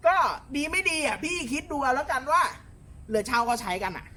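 A man showing jet skis for sale in a chatty, polite way, often pausing with fillers and correcting himself. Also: extremely high pitch, lively intonation, sharp tone. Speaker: jet ski shop salesman. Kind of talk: casual sales walkthrough.

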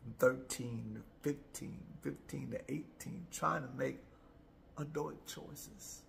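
Male chaplain, 60s, gravelly and unhurried, heartfelt halting reflection, recorded indoors with slight room noise. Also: mid-range voice. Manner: halting, heartfelt, with repeated words and long pauses. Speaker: chaplain, host. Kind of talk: personal reflective devotional talk to camera. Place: indoor room, home studio.

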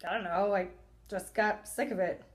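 A woman in her twenties playing a defensive young woman recalling a lost love in a halting, emotional theatrical monologue. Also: medium pitch, steady tone, close to an everyday voice. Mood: defensive, exasperated. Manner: halting, emotional, swinging between loud insistence and hushed wistfulness. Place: indoor room, plain wall.

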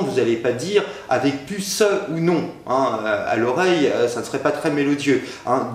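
A man teaching a literature lesson, explaining at length and filling pauses with frequent hesitations. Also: fairly high pitch. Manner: frequent "hein" and "euh" fillers; explanatory, didactic. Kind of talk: recorded lecture. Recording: echoey room.

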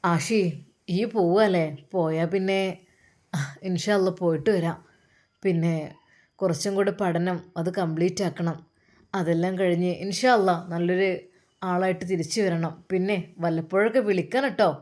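A friendly male teacher, as a woman reads him, offers kind advice to a friend leaving on a journey. The voice stays close to the reader's own. This is a calm storybook part. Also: fairly low pitch, normal speed, long pauses, close to an everyday voice. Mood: kindly. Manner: kindly advising.

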